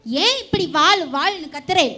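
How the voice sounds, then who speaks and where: A school student voicing a harsh, scolding Brahmin wife in a stage play. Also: female voice, very high voice, expressive, normal speed, heavily acted. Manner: sharp, scolding.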